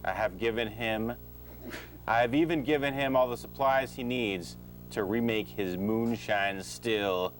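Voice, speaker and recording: A man playing a smooth-talking, unethical professor with a pompous, falsely genial manner in an amateur comedy audio drama. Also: lowish voice, a little slow, a little hiss or hum, natural voice, rough recording. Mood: self-satisfied.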